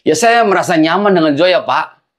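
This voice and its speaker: A man's voice: on the high side, expressive, normal speed, lightly acted. A young man playing a son-in-law who apologizes and pleads with his angry father-in-law in a film. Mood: pleading. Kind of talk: low-budget film acting.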